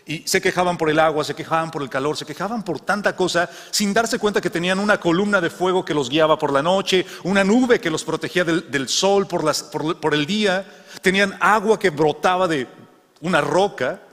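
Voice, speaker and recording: A man delivering a sermon, telling stories and circling back to repeat his phrases. His voice is bright and a bit high, and a long reverb trails after every word. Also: fairly quick. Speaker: preacher.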